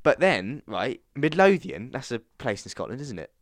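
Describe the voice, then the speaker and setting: A man's voice: mid-range voice, sing-song, normal speed, no room sound, clean studio sound. A man from England hosting a music podcast, chatting loosely and rambling, often laughing. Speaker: podcast host. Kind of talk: casual chat.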